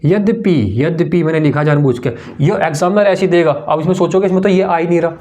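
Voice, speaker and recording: A man's voice: fairly high pitch, fast talker, a little mellow. A male teacher explaining Hindi grammar for an exam-prep class, repeating each point and calling the students "brother". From India.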